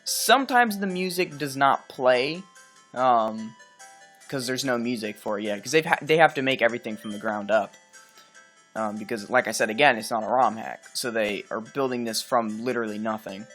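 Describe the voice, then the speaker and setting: A man's voice: mid-range voice, normal speed, a bit bright. A man hosting a video game let's play, talking casually and rambling through his explanations with lots of fillers. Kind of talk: game commentary. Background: faint game music.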